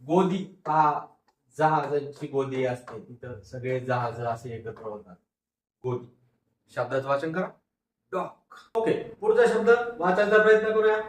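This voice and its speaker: High-voiced man teaching phonics in an echoey room. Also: lively intonation, recorded from a distance. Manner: slow, repeats each word and asks the class to read it back. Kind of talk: phonics lesson.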